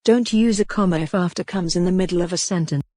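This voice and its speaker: A woman teaching English grammar, reading example sentences slowly and clearly in a scripted lesson. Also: fairly low pitch, warm tone, no room sound, studio quality. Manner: slow, clear, deliberate reading.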